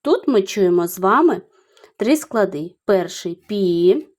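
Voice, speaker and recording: A middle-aged woman gives a video lesson to young children at an unhurried pace. She explains each point slowly and carefully, breaking words into syllables. Her voice sits at an ordinary middle pitch. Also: expressive. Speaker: primary school teacher.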